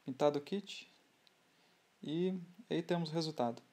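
A man with a Brazilian Portuguese accent explaining scale model building in a relaxed, halting way, often restarting his sentences. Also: fairly high pitch. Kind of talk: hobby tutorial voice-over.

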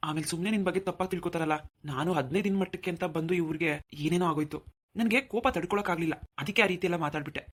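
A warm-hearted young man in a cartoon story, voiced by a woman. He speaks quickly in a lowered tone and keeps his words soft and comforting. A teasing streak runs under the reassurance. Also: breathy edge. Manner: soothing, playful reassurance. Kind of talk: cartoon voice acting.

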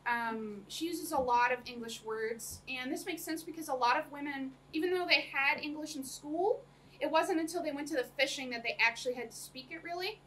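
A young woman gives a chatty academic lecture to a small group, laughing often and saying um a lot. She speaks briskly in a high-pitched, fairly bright voice. The distant room mic on a camera across the small projector-screen room picks up faint noise.

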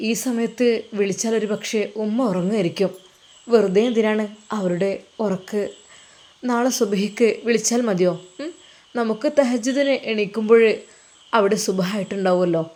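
A woman voicing Sinan, a gentle young husband. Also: medium pitch, normal speed, long pauses, lightly acted. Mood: tender. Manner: tender, soothing. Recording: reverberant room with faint noise.

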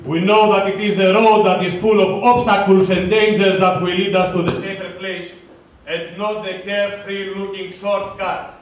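A man's voice: high-pitched, flat delivery, moderate pace, slight background noise, lightly acted. A male stage performer playing a Greek official in an opera, speaking in a theatrical, declamatory way. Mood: solemn. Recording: echoey stage from far off with music.

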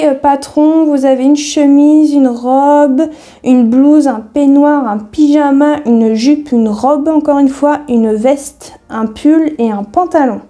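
Female vlogger, very warm and dark tone, chatty and meandering, laughs at herself. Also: high-pitched. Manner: rambling and chatty, many hesitations; self-deprecating, easily laughing. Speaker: sewing vlogger. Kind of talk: casual haul video chat.

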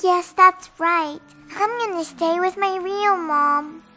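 A woman voicing a sweet, earnest young mermaid girl in an animated game story. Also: very high-pitched, slow pace, soft background music, full character voice. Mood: earnest, pleading.

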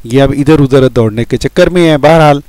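A man's voice: medium pitch, darkish tone, no room sound. A man hosting a commentary video, addressing his viewers directly and mocking his opponent. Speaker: channel host. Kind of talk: commentary on played voice messages.

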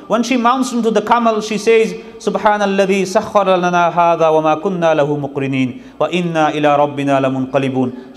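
A British man, a mufti, telling a story in a sermon and reciting verses in Arabic between his English lines. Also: sits high. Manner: quick Quran recitation in Arabic woven into English retelling. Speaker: mufti giving a lecture.

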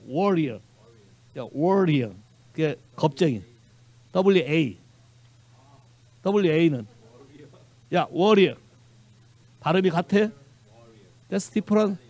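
Animated high-voiced Korean pastor preaching. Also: male voice. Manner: animated preaching, mixing Korean with English phrases, quizzing the congregation. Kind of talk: sermon. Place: church sanctuary.

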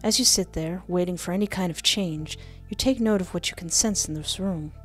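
This young woman's let's-play blends playful commentary with game text read aloud, plus lively jokes on the side. She speaks at normal speed in a fairly low voice, using a close desktop mic and headset in her home setup as game music plays.

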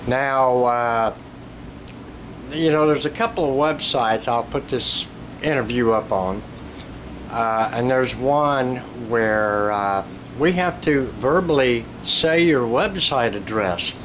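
A man interviewing a performer in a dressing room, asking drawn-out, joking questions. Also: mid-range voice. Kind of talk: casual interview. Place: small dressing room, indoors. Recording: room audio with steady hum.

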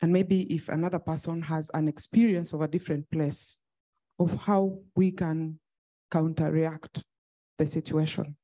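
A woman from South Sudan, an NGO director and activist, asking a measured, thoughtful question into a handheld mic in a conference hall. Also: low-pitched, steady tone, mellow. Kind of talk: floor question at a panel.

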